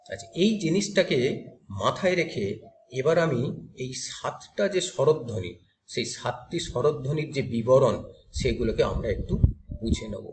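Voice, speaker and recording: A man's voice: medium pitch, lively intonation, moderate pace, slight background noise. A man teaching a grammar class to students. He explains step by step and asks questions that he then answers himself.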